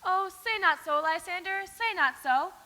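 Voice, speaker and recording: Woman as lovelorn noblewoman, very high bright voice, pleading, hall echo. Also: lively intonation, normal speed, full character voice. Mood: hurt. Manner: pleading, emphatic verse. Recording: echoey hall.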